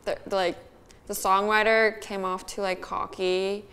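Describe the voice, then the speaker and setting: A woman panelist giving her honest, unimpressed take in a casual chat. Her voice sits at an ordinary middle pitch. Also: flat delivery, a little slow, creaky, a bit bright, smooth.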